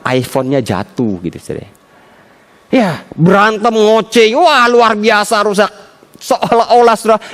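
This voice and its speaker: A man preaching a sermon as pastor, telling everyday stories with rising emphasis. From Indonesia. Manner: storytelling with a sharply rising pitch for emphasis. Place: church.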